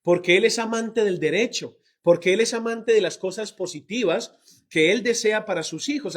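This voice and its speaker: Guy preaching a sermon, fairly high voice, keeps asking the church questions. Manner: lively, stretching out key words. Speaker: pastor.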